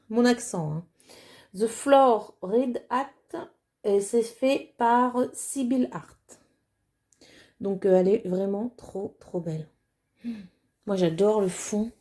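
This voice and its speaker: A woman's voice: fairly high pitch, warm tone, a little hiss or hum. A woman chatting casually as she unboxes a craft kit at home, hesitant with many fillers and plainly enthusiastic. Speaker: crafting vlogger.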